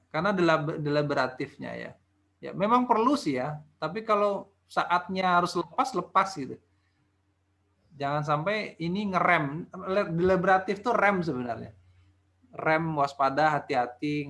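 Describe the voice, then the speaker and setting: A man walks someone through their personality results. He is chatty and explanatory and fills his talk with little fillers. His voice sits a bit high for a man. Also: lively intonation, normal speed, a bit bright. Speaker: talent mapping consultant. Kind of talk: feedback session conversation.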